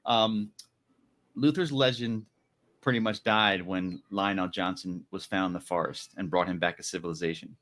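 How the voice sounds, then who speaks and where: Low-pitched but fairly bright, this male podcast co-host rambles casually through a book recap with slight background noise. He leans heavily on "like" and "you know" and briefly acts out quotes.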